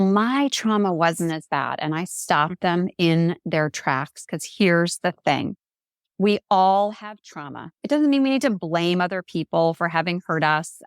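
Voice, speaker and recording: A woman coach talking candidly in a casual podcast conversation, lively and quick to laugh, acting out quotes in different voices. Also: on the low side, dry recording, studio quality. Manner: animated storyteller, acts out quotes in varied voices. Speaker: guest, coach and speaker.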